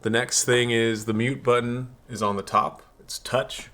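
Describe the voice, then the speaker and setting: A man reviewing tech gear in a relaxed, chatty way, with an ordinary mid-range voice. He gives blunt, candid opinions as he goes. He is recorded on a desktop USB condenser mic. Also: mid-range voice, unhurried. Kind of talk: casual product review. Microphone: desktop USB condenser microphone.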